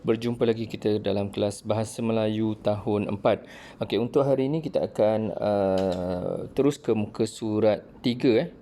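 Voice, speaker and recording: Cikgu lelaki beraksen Melayu Malaysia, suara rendah, mesra, ada bunyi bising latar yang samar. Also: male voice, lowish voice, normal speed, warm tone, a little hiss or hum. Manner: friendly, repeats "okey" often. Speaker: teacher. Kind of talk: online primary-school lesson.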